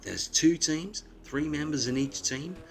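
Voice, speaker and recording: A man's voice: fairly high pitch, measured pace, gravelly. A man playing a crude, sarcastic sports reporter on a spoof news show.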